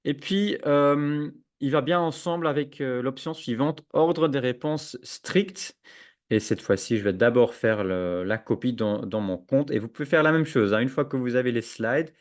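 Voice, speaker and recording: A man giving a screen-share software tutorial to teachers, hesitant with many fillers and restarts, on a computer microphone. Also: mid-range voice, moderate pace. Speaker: educational software trainer. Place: at a computer, webinar with chat. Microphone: own computer microphone with noise suppression.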